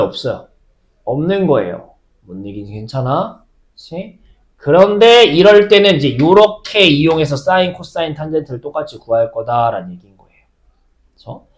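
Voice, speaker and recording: A man teaching a high school math lesson, often asking the class questions and then answering them himself.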